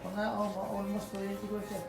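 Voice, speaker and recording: A man's voice: high voice, completely flat delivery, quick pace, vocal fry. A man, a patient giving short polite answers to his therapist. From Philippines. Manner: short polite replies, says sir often. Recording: echoey room with music playing.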